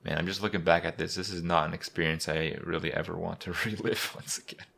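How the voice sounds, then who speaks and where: Deep-voiced man, halting casual commentary. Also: steady tone, gravelly, a bit bright. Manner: halting, rambling, with many pauses and repeats. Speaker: gaming video host.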